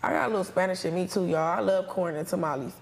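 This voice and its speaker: An American woman with a low, gravelly voice talks fast while hosting a casual talk show with callers, brash and playful, full of slang and swearing. She's in a small studio lounge with couches, and the sound is noisy and reverberant with clicks.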